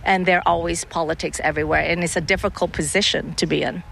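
A woman's voice: fairly low pitch, steady tone, fast talker, creaky, fairly bright tone, slight background noise. A middle-aged woman who grew up in Hong Kong, a tennis coach and parent, answering interview questions with many restarts and fillers.

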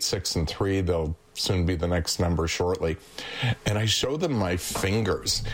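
A man's voice: fairly low pitch, poor audio. A man in his seventies telling stories in a casual chat, laughing often as he goes. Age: 70s. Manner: slow, animated storyteller who laughs often.

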